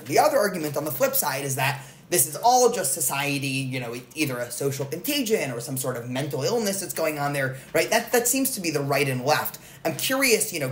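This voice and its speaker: A man's voice: a little high, fairly bright tone. Rambling man hosting, roomy echo. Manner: rambling, self-correcting, with frequent fillers. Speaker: podcast host. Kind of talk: casual conversational interview. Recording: roomy echo, faint noise.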